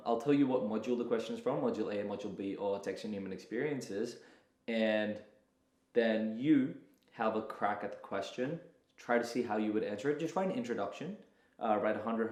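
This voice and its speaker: A young man gives a casual tutorial in a relaxed, chatty way that is full of fillers. His voice sits on the low side. The room around him is noticeably echoey.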